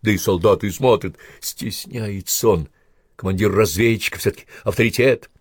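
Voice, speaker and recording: Low, husky male audiobook narrator. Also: normal speed, no echo. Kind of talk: scripted narration.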